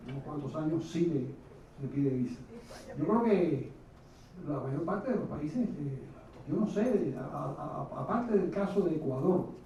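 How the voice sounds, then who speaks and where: Male panelist, dark-toned, halting and thoughtful, picked up far off the mic in a very reverberant hall. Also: a little high, lively intonation, a little hiss or hum. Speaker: conference panelist answering questions. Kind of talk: unscripted answers at a public talk. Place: conference hall. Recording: very echoey hall, distant mic.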